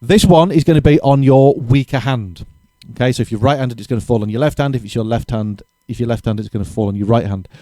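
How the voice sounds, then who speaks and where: A man giving a casual drum lesson, chatty and relaxed, correcting himself and counting beats aloud, with drums played between his explanations. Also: medium pitch, fast talker, few pauses, no room sound. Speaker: drum teacher. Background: drumming between explanations.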